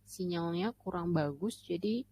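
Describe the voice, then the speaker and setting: A young woman hosting an online Quran study, talking in a chatty, relaxed way with many fillers. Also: on the low side, unhurried, husky, poor audio. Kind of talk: casual religious study talk. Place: home, online livestream.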